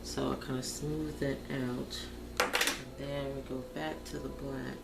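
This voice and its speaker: With a very deep voice, vocal fry and a slow, flat delivery, a woman hosts a colouring vlog, casually chatting and thinking aloud in folksy fashion as she colours. A distant home camera mic leaves the recording roomy and noisy.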